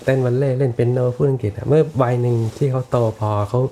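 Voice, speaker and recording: Reflective middle-aged man, mellow voice. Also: mid-range voice, fairly even intonation, a little hiss or hum. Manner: reflective, unhurried, with many restarts and repetitions. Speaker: podcast guest, architect and teacher. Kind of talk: casual podcast conversation.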